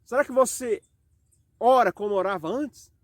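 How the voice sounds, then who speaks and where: A man with a very high-pitched voice and a Brazilian Portuguese accent delivers a sermon for worship at home. He reads scripture slowly and asks rhetorical questions, and the sound is clean, studio-like, and echo-free.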